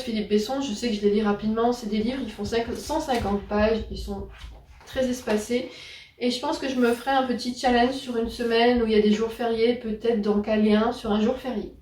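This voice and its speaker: A woman's voice: a little high, a little mellow, a little hiss or hum. A woman chatting casually about her new books, with many fillers and self-corrections. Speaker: book YouTuber. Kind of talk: casual book haul vlog. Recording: roomy, distant mic.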